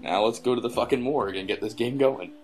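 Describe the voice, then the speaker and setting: A man's voice: medium pitch, fast, soft background music. A man commenting sarcastically on a game he is playing, laughing and swearing often. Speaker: let's play commentator. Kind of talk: casual joking commentary.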